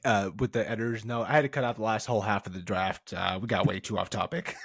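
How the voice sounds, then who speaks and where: A man's voice: fairly low pitch, steady tone, fast talker, gravelly, fairly bright tone, dry recording, clean studio sound. A man co-hosting a casual podcast, joking and laughing often as he calls for the next pick. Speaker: podcast co-host. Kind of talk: casual chat.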